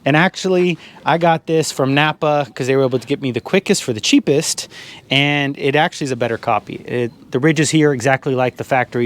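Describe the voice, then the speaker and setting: A man chatting casually while working on a truck in his garage, laughing often and a bit out of breath. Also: medium pitch. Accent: Californian English. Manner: chatty, laughs often, calls viewers guys. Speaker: garage vlogger. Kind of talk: casual how-to narration. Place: home garage.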